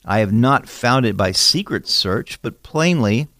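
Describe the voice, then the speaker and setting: Earnest male Bible teacher, lively pitch. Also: a little slow, no echo, studio quality. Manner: earnest, emphatic, rhetorical questions. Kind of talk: expository sermon reading and explaining scripture.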